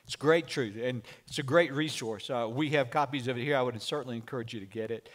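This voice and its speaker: A man's voice: mid-range voice, fast. A man preaching a sermon, telling folksy stories from the pulpit. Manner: folksy storytelling preacher, lively delivery. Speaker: pastor.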